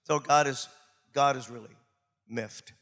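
Forceful, bright-voiced male preacher. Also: mid-range voice, fairly even intonation, unhurried, in a large hall. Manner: emphatic, repeats words for emphasis, laughs easily. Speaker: pastor. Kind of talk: sermon.

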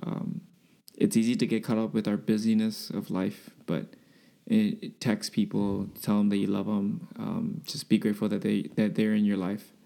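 A young man co-hosting a podcast, speaking slowly and reflectively in casual chat. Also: lowish voice, little pitch movement, creaky. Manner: slow, reflective, gentle. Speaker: podcast co-host.

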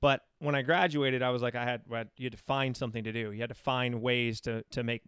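Clear-voiced American man, chatting casually. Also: mid-range voice, fairly even intonation, fast talker, fairly bright tone, no echo. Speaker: interview guest, running coach. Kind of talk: casual chat.

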